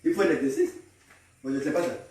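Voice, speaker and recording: A man preaching a call-and-response sermon as pastor, exhorting the congregation, repeating lines for them to echo and breaking into shouts. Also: mid-range voice, quick pace, slight background noise. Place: large echoing church. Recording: very echoey hall, mic far off.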